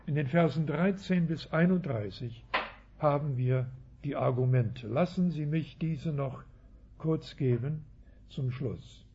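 A man's voice: on the high side, slow, dark tone, dull audio, slight background noise. A man giving an expository sermon as a Bible teacher, with a habit of tagging sentences with "ja" and correcting himself as he goes. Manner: frequent tag "ja", self-corrections.

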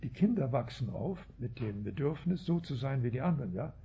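Male preacher, very husky and gravelly, mellow dark tone, dull lo-fi recording. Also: mid-range voice, animated, fairly quick. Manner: frequent tag "ja", self-corrections. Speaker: Bible teacher. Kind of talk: expository sermon.

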